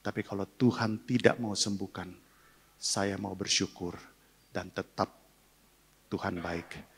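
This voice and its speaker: A man's voice: sits low, steady tone, slow, fairly bright tone, breathy edge. An older male pastor preaching a sermon, sharing an emotional personal testimony and leading a congregation in prayer.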